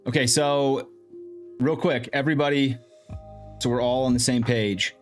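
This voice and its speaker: A man's voice: mid-range voice, steady tone, normal speed. A man hosting a casual live stream, thinking aloud as he troubleshoots his mic and sound setup. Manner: chatty, thinks aloud while fixing audio. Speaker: livestream host. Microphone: streaming mic with in-ear monitoring. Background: faint background music.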